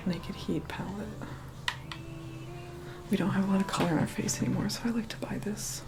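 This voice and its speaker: A woman with a medium-pitched voice, lightly acted and heard over a noisy background, whispers in an ASMR roleplay. She plays a snobbish, reluctant young vampire, sounding sarcastic, bossy and condescending.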